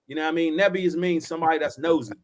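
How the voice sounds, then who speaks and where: Racing along in a fairly high voice, this forty-something podcast host from Pittsburgh, USA chats casually, telling slangy, loose stories with a local accent and sprinkling in "yo" and "bro."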